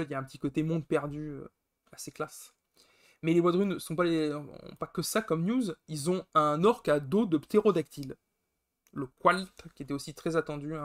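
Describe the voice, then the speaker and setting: Rambling, enthusiastic man, slightly high voice. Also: vocal fry. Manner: rambling, peppered with "voilà" and self-corrections; enthusiastic but grumbling. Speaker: podcast host. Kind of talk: casual live-stream commentary.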